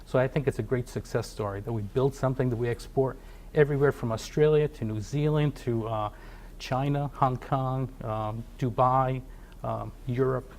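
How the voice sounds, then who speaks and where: In a TV studio business interview, a middle-aged company founder from Portugal speaks with many fillers and restarts. His voice is mid-range, fairly even, slightly mellow and at normal speed, with slight background noise.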